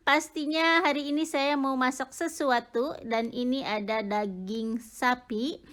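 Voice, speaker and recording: A woman's voice: high-pitched, takes it slowly, fairly bright tone. A middle-aged woman from Indonesia chatting casually with lots of fillers and giggles while cooking in her home kitchen for her vlog. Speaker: cooking vlogger.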